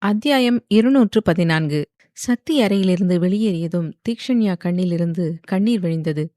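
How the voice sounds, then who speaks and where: A woman reading a romance audio novel in steady storytelling narration. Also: on the low side, normal speed, no echo, clean studio sound. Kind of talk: scripted narration.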